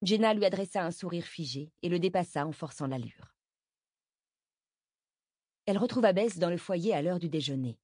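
Low-voiced woman narrating a novel. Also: no room sound, clean studio sound. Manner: even, measured reading. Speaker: audiobook narrator. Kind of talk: scripted narration.

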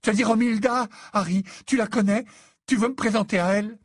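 A man voicing a lovestruck, excitable teenage boy wizard in a storybook reading, breathless and gushing. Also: slow pace, breathy edge, dry recording, studio quality, full character voice. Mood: eager. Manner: breathless, gushing, high-strung.

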